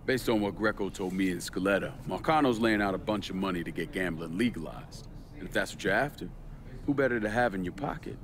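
A man's voice: low-pitched, lively intonation, brisk, a bit bright. An actor playing a hard, controlled male crime boss who speaks in terse, matter-of-fact lines. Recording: game audio with background noise.

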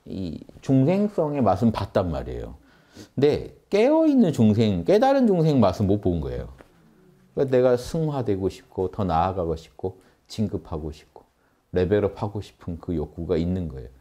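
A man delivers a spiritual talk on meditation, earnest and explanatory, speaking straight to his listeners. His voice sits low and sounds dark and mellow rather than bright. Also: wildly swooping pitch, normal speed. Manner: earnest, explanatory, addresses audience directly. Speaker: meditation teacher. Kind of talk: spiritual lecture.

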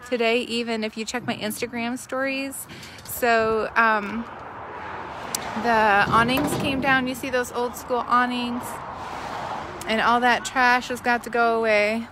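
A middle-aged woman chatting casually to her followers in an informal live vlog, talking them through things on a handheld phone outdoors. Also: mid-range voice. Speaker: small business owner vlogging. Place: outdoors in a driveway beside a road. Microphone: handheld phone at arm's length. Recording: noisy outdoor phone audio, passing traffic.

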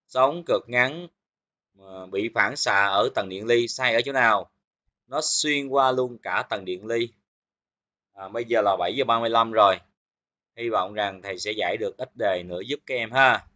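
Bright-voiced man teaching physics. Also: mid-range voice. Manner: explains step by step, checks in with students often. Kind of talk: exam review lesson.

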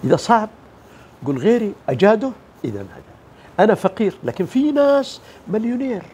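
A man's voice: high voice, big pitch swings, a little fast, mellow, a little hiss or hum. A man giving a motivational religious talk, emphatic, asking rhetorical questions and mimicking the people he describes. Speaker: motivational speaker.

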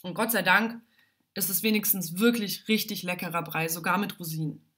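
A woman reads a children's story aloud in an animated, dramatic way. She speaks from home on a livestream. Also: fairly low pitch, moderate pace, slight background noise.

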